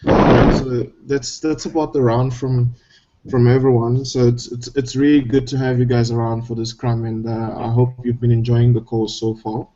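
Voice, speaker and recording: A man from Cameroon hosts a casual online scrum. His voice is dark and mellow, and his talk is relaxed and halting, full of fillers and restarts. The video-call audio sounds dull and muffled. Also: mid-range voice, slight background noise. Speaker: scrum host.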